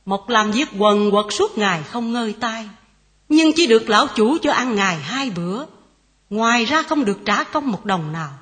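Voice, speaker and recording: An older woman narrating a children's fairy tale gently, as a grandmother to her grandchild. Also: on the high side, expressive, moderate pace. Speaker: storyteller grandmother.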